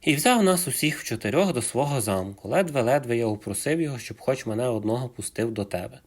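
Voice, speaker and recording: Man playing a small flattering hare. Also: mid-range voice, fast talker, lightly acted. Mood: flattering polite. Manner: polite, flattering, as courteous as he can. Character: small clever male hare, timid but cunning.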